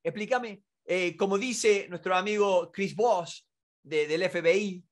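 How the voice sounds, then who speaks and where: This man, a forties-aged negotiation instructor from Córdoba with an Argentine Spanish accent, lectures informally to camera from a desk indoors. He is emphatic and asks many rhetorical questions, speaking slowly in a high-pitched voice.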